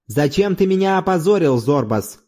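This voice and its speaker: A hulking young village brute from a storybook, snarling and thirsting for revenge, as a male reader puts him on. The threats come out raised and lively, swinging all over, with a dark, mellow tone underneath. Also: fairly high pitch, moderate pace, pitched above the performer's own voice. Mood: furious.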